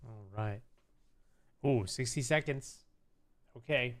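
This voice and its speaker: A man hosts a livestream, chatting casually with viewers in a rambling, hesitant way and repeating himself often. His voice is mid-range and he speaks slowly.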